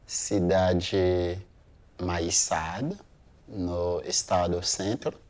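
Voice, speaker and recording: A man in his thirties from Haiti giving a hesitant museum testimony, pausing often with fillers. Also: low voice, fairly even intonation, a little mellow. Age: 30s. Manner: slow, hesitant, many pauses and fillers. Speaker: interviewee.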